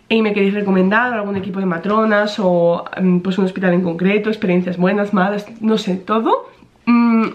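A young pregnant woman chatting casually to camera, rambling with many fillers. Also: medium pitch. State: pregnant, in some pain. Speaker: vlogger.

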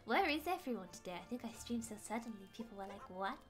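A young woman streaming a video game live, excitable and giggly as she chats. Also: a little high, quick pace, music in the background. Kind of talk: live gameplay chat.

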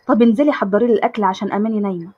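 A woman's voice: medium pitch, rapid-fire, mellow, husky, highs cut off, close to an everyday voice. A woman voicing an irritable young man, curt with his sister, in an Egyptian accent. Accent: Egyptian Arabic.

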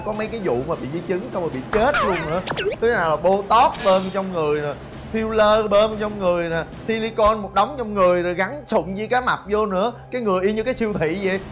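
A man's voice: high-pitched, lightly acted. An actor playing a stubborn husband who lectures his wife. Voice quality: stern, lecturing. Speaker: actor in a TV drama.

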